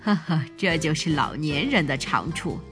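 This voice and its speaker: A woman voicing a kindly, cheerful old grandfather bear in a children's storybook, speaking slowly and gently with a chuckle in his manner. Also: low-pitched, animated, music in the background, pitched below the performer's own voice. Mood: gentle. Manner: slow, warm-hearted, chuckling.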